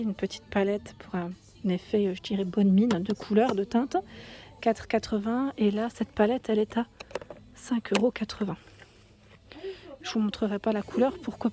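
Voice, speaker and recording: A woman with a French accent walks through a shop filming a vlog, reading out prices and chatting as she looks at products. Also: medium pitch. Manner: chatty, reads prices aloud, thinks out loud. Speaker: shopping haul vlogger. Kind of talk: casual store walkthrough vlog. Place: indoors in a shop under ceiling spotlights.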